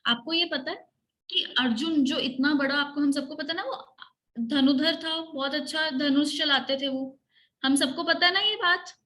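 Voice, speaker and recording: A woman's voice: high-pitched, bright, forceful tone. A woman teaching children in an online class, asking questions and having them repeat answers back. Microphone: computer mic on a video call.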